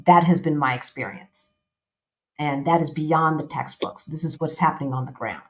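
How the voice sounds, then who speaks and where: A woman with a low voice hosts a relaxed live-stream chat at a moderate pace. She keeps it loose and chatty, repeating herself for emphasis and tossing in casual slang.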